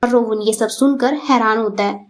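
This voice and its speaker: A woman's voice: fairly high pitch, moderate pace. A woman narrating a romance comic recap in a casual, chatty storytelling manner.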